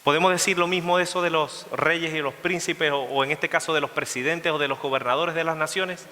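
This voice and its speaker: A male pastor preaching a sermon, retelling a scripture story in a lively way and asking the congregation questions. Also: fairly high pitch, brisk. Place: church sanctuary. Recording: long church reverb.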